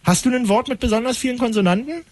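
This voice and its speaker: A man's voice: very high voice, quick pace, no echo. A man hosting a call-in radio show, talking in an ironic, rambling, mock-pompous way. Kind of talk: late-night call-in radio banter.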